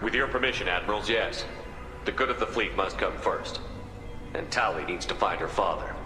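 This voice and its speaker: A man playing a steady, resolute human spaceship commander in a game cutscene, formal, measured and firm. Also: low voice, natural voice. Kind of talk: video game cutscene acting. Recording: echoey hall, music underneath.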